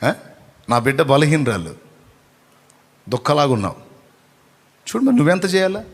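Male pastor, higher voice, exhorting sermon delivery that swings from loud calls to hushed asides, recorded in a reverberant church. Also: very animated, moderate pace, breathy edge. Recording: long reverb of a church hall.

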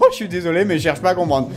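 A man with a high, very lively voice narrates his own mobile game matches live, rattling off excited commentary. He groans, swears and shouts at the game as he plays. Faint music runs underneath. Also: fast. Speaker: gamer streaming a mobile game tournament.

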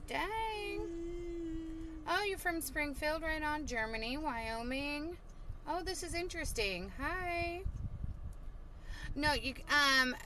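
Holding her phone at arm's length in a parked car, a woman in her thirties chats on a live stream, reading out viewer comments and using plenty of fillers. She has a high, sharp-toned voice, and there's a little hiss or hum on the recording.

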